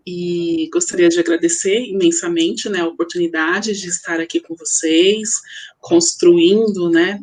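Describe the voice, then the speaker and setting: A woman's voice: lowish voice, darkish tone, slightly rough. A young adult woman with a São Paulo Brazilian accent introducing herself as a student panelist. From Guarulhos, São Paulo, Brazil.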